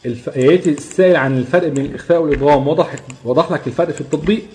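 Fast-talking Egyptian tajweed teacher, man. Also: on the high side, background noise. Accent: Egyptian Arabic. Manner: explains step by step, checks in with "okay?" and chants examples slowly. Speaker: Quran recitation teacher. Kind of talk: live online tajweed lesson.

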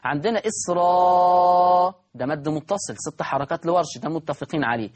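A man with an Egyptian accent teaching Quran recitation, repeating words slowly to show how they sound and asking his listeners rhetorical questions. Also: fairly high pitch, lively intonation, slightly rough. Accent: Egyptian Arabic. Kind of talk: recorded recitation lesson.

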